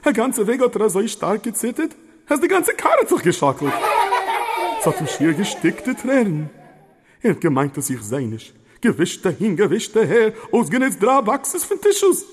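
A man's voice: sits high, sing-song, normal speed, in a large hall, background noise. A man voicing a jolly, fussy older rabbi uncle who stammers and chuckles. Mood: jovial.

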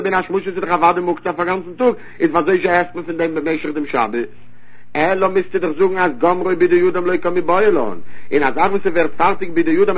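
A man teaching a Talmud study lecture, explaining in rapid, repetitive short bursts with a husky voice. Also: on the high side. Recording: tinny phone-line recording.

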